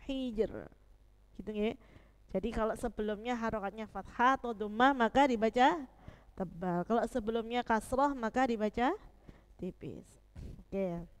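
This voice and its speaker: A woman's voice: a little high, moderate pace, clean tone. A woman teaching recitation rules, patiently explaining and often breaking off to repeat a word. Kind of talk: tajwid lesson.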